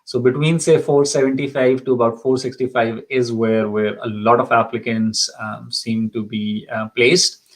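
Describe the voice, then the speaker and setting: A man from Pakistan leads a live immigration Q&A in a mid-range voice with little pitch movement, keeping a moderate pace and few pauses. Still, he sounds hesitant, with frequent ums and restarts. The recording is low quality.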